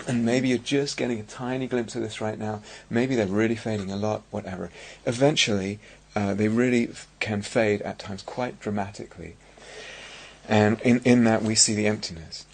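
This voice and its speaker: A middle-aged man with an English accent giving a dharma talk as a meditation teacher, speaking in a reflective, halting way with many restarts. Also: fairly low pitch, steady tone, creaky, a little mellow. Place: meditation hall at a retreat centre.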